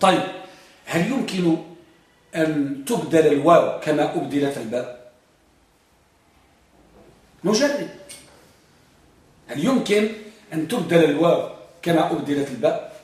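A man teaching Arabic grammar to a class, quizzing students by name and drawing out example words slowly. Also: fairly high pitch, expressive, a little mellow. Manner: drills students with repeated questions, drawn-out examples. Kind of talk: classroom lesson, questioning students. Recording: very echoey room, mic far off.

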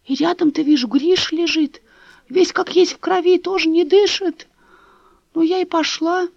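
A woman's voice: very high voice, steady tone, a little slow, gravelly, a little mellow, no echo, voice pushed up, heavily acted. A woman voicing a fussy, suspicious old female neighbor who chatters and repeats herself, on a dull, dry recording. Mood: gossiping.

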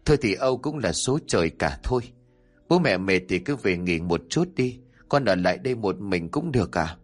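Gentle, naive young husband, soft and choked up, as the male narrator reads him; audiobook, low husky voice. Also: expressive, normal speed, soft background music. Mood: choked soothing. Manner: choked-up, soothing.

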